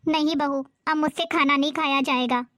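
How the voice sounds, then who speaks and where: A woman voicing an elderly mother-in-law who speaks in slow, wounded reproach. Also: sits high, steady tone, fairly bright tone, dry recording, clean studio sound. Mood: hurt.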